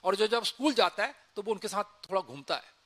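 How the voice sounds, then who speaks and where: Man, army officer, storytelling, high-pitched, bright and forceful, acts out dialogue. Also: fairly quick. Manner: acts out dialogue in lively retelling. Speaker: army officer sharing experience. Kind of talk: storytelling talk.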